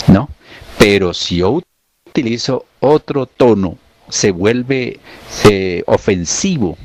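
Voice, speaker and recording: Male pastor, deeper voice, earnest teaching tone over a call-in link. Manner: earnest, explanatory preaching tone. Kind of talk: radio call-in discussion.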